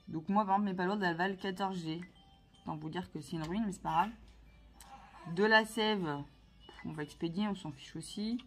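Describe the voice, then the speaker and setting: A woman chatting casually to her viewers as she plays a video game, playful and talkative. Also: lowish voice. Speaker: vlogger playing a video game. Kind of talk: casual gameplay commentary.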